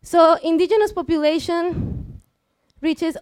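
The voice is very high and darkish, measured in pace. A student in her twenties with a Mexican accent and Spanish as her first language, she gives a live public science talk on a headset to a seated audience in a small lecture room, explaining informally and engaging them with questions.

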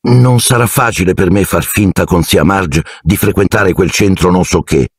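A man voicing a cool-headed, defiant teenage boy wizard in an audiobook, raising his pitch for the role. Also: normal speed, breathy edge, no room sound, studio quality.

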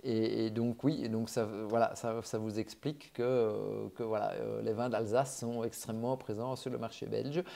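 A man's voice: lowish voice, flat delivery, normal speed, gravelly, few pauses, mellow. A middle-aged man, a wine teacher answering viewers' questions on a live stream, full of fillers and restarts. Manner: hesitant, many fillers and restarts, chatty.

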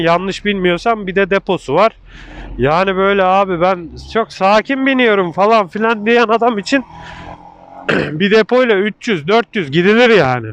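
A man giving casual, colloquial riding commentary as a motovlogger, speaking into a microphone inside his helmet while riding. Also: high-pitched. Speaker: motorcycle vlogger reviewing a bike. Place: outdoors, riding a motorcycle in traffic. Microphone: microphone inside a motorcycle helmet. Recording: clear engine and road noise. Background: motorcycle engine and traffic noise.

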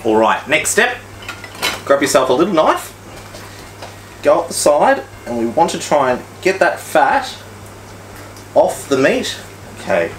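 A man's voice: mid-range voice, fairly bright tone, roomy sound, slight background noise, poor audio. A man talking through a cooking demonstration, with chatty, upbeat, step-by-step instructions. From Australia. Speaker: cooking vlogger.

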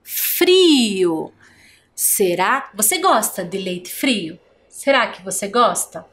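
A woman with a Brazilian Portuguese accent teaches a televised primary school class. She dictates in a slow, drawn-out way, stretching each word syllable by syllable. Her pitch swings widely as she asks the children questions. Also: very animated, fairly bright tone.

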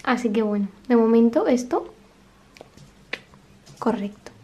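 A young woman from chats casually to camera in a home vlog, with plenty of fillers and asides to her viewers. Her voice sits a little high. The small home room around her sounds roomy and echoey. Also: expressive, unhurried, warm tone, dull audio. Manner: chatty, lots of fillers, talks straight to viewers. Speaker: vlogger.

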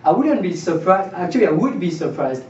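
With a high, sing-song voice that is a little mellow, a young man talks a little fast through a math seminar lecture, explaining step by step while often restarting and repeating words. He is in a lecture room with a projector screen. A distant camera with no mic captures dull, roomy audio carrying a faint hiss.

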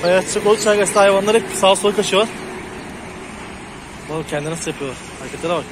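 A man's voice: high-pitched, racing. A man vlogging in a farmyard, chatting to his viewers and calling to his chicks and geese. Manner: chatty, talks to viewers and calls to the animals. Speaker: hobby farm vlogger. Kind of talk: casual outdoor vlog. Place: outdoors in a farmyard with poultry. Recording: noisy outdoor farmyard recording. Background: chickens, roosters and birds.

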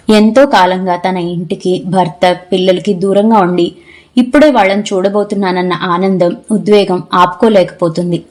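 A woman narrating a novel in an audiobook, telling the story in a measured, expressive way. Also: medium pitch. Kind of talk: scripted narration.

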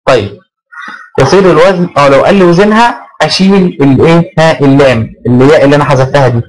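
A man with an Egyptian Arabic accent teaches a grammar lesson at a brisk clip, his voice sitting a little high. He repeats key phrases and throws rhetorical check-in questions at the class. He also voices his pupils' questions before answering them himself. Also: poor audio. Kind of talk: online class lecture.

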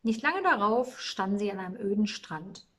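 A woman reading a Christmas storybook aloud in a calm, measured storytelling manner. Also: medium pitch.

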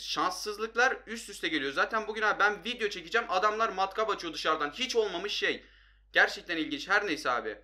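A young man giving excitable, frustrated live commentary on his football video game, talking straight to his viewers. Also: high-pitched. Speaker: gaming youtuber.

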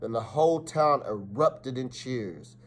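With a mid-range voice, lively intonation and a measured pace, a middle-aged principal gives a children's story an expressive, dramatic reading, stumbling now and then. He sits in a small office, recorded by a phone or webcam at arm's length.

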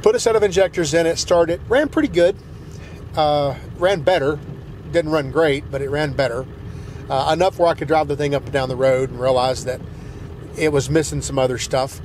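A man's voice: on the high side, moderate pace, a little mellow. A middle-aged man with a Southern US accent telling a long story while driving, rambling with many fillers and restarts, recorded by a dash camera in a pickup cab. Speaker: truck vlogger. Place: inside a pickup truck cab, driving in snow. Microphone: dash-mounted camera. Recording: road noise behind.

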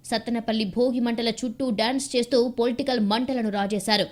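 A woman's voice: a little high, fairly even intonation, fairly quick. Dramatic female news narrator. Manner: punchy, dramatic delivery. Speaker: news voice-over reader. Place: studio voice-over.

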